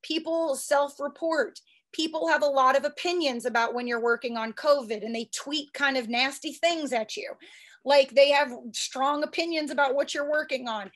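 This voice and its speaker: A woman who is a statistics professor giving a quick, eager conference talk with frequent restarts. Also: high-pitched, fairly bright tone. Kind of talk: fast conference presentation.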